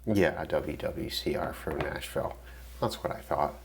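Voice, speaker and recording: A shortwave radio hobbyist demonstrates a receiver, offering casual, unscripted commentary and thinking aloud in a hesitant way. The man has a bass voice and a measured pace, and the recording is clearly noisy with loud radio static.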